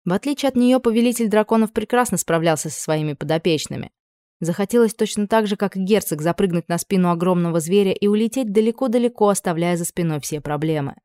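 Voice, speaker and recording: A woman reading a fantasy story aloud in a steady, measured way. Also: mid-range voice, no echo. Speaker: audiobook narrator. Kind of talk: scripted fantasy narration.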